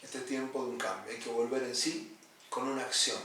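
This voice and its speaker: A man's voice: medium pitch, steady tone, brisk, bright, forceful tone. A man, a pastor, teaching a Bible study in an earnest, explanatory way, repeating his key points. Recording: echoey room, distant mic, faint noise.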